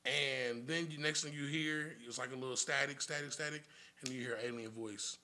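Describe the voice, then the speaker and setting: Man, podcast guest, rambling storyteller, profane, very bright voice. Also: mid-range voice, fairly even intonation, fairly quick. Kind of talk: casual podcast chat.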